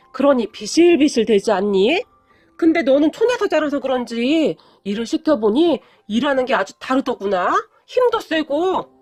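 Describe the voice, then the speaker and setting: Woman doing a bossy middle-aged mother-in-law, nagging, condescending, high lively voice, storybook reading. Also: dry recording, heavily acted. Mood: patronizing.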